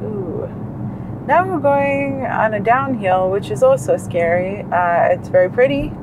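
Recorded in a moving car with steady road and cabin noise, a woman in her thirties casually narrates a road trip as vlog co-host from the passenger seat. Her mid-range voice is a little slow, and the recording sounds muffled.

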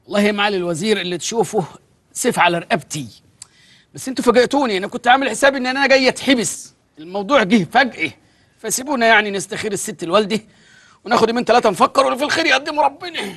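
A shrill, bossy old-school teacher. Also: male voice, lively intonation, very fast, fairly bright tone. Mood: indignant. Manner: scolding, comically indignant. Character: loud bossy old-fashioned male Arabic teacher. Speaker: Arabic teacher. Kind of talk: comedy film acting.

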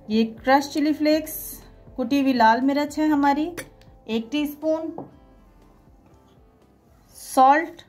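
A woman with a high but darkish-toned voice talks through a homemade recipe in a cooking tutorial voice-over. She guides each step conversationally and instructively, slipping English words in as she goes.

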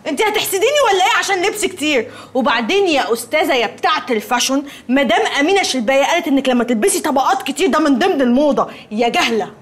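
A sharp-tongued, bickering roommate. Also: female voice, high-pitched, expressive. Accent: Egyptian Arabic. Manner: bickering, quick comebacks. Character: young woman roommate, touchy and sharp-tongued.

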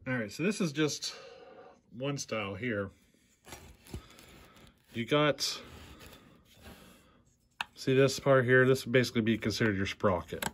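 A man's voice: mid-range voice, unhurried, pauses often, a bit bright, slight background noise. A man in a workshop demonstrating a chainsaw repair, talking plainly and unhurriedly, often asking "see how". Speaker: chainsaw repair channel host. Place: workshop bench.

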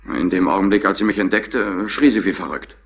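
A man's voice: low voice, fairly quick. A man playing a sullen, defiant young petty burglar in a 1960s radio crime drama, giving impatient answers. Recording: old radio play with faint hiss.

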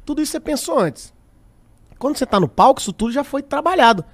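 A man's voice: very high-pitched, animated, fast talker. A young man from Brazil, a stand-up comedian guest on a podcast, telling stories animatedly, acting out quoted lines and swearing freely. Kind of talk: casual podcast chat.

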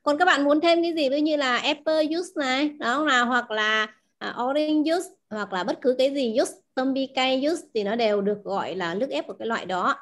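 In a language class, a woman whose first language is Vietnamese explains words and regularly puts questions to her students, repeating the key vocabulary. She speaks fairly quickly in a high voice.

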